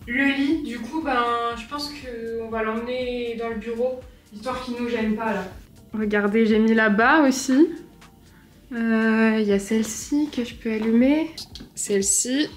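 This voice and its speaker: A woman's voice: a little high, steady tone, a little slow, soft background music. A young woman chatting casually to camera in her apartment, rambling with self-mocking asides. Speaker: vlogger. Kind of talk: casual home vlog. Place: apartment living room.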